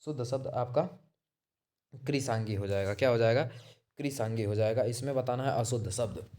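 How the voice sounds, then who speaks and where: A man's voice: medium pitch, moderate pace, mellow. A man teaching exam-prep material, running through multiple-choice answers, repeating key terms and checking in with the listener, often restarting and correcting himself mid-word. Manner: repetitive, checks in with "theek hai". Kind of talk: explaining quiz answers.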